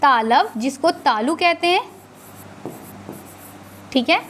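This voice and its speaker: Female teacher, high voice, lecture style, asks and answers her own questions, stretches sounds to demonstrate. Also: animated, a bit bright, a little hiss or hum. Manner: asks the class questions and answers them herself, adds "है ना"; stretches sounds slowly to show how they are said. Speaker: Hindi grammar teacher. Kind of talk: classroom lecture.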